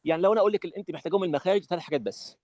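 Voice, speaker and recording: Fast animated Egyptian male teacher. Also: high-pitched, no echo, lo-fi sound. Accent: Egyptian Arabic. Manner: animated, demonstrative, acts out his classroom. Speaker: Quran recitation teacher. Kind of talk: online teacher training lesson.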